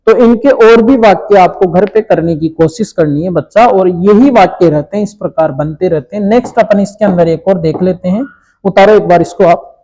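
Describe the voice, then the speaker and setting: A man teaching an English grammar lesson to children, explaining slowly and checking in often. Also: high-pitched, warm tone, rough recording.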